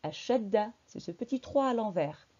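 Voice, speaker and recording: A woman teacher drilling young children through a dictation lesson, sounding out syllables slowly and exaggeratedly and quizzing the class with encouraging questions. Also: medium pitch, expressive, dark tone, slightly rough, lo-fi sound.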